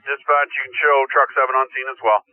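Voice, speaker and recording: A male firefighter talks over a two-way radio in an informal, halting way, with pauses. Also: medium pitch, steady tone. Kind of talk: fire service radio traffic. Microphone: radio handset. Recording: narrow-band two-way radio, faint noise, clicks.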